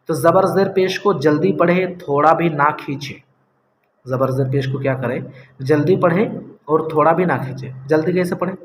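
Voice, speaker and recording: A man teaching Quran reading, sounding out syllables slowly and patiently repeating the rules. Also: on the high side. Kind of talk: slow step-by-step lesson. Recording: echoey room with faint hiss.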